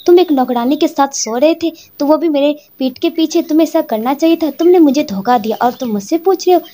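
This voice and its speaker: A woman's voice: sits high, brisk, pitched above the performer's own voice, close to an everyday voice. Woman reading an angry wronged young wife. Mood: accusing. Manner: sharp, accusing.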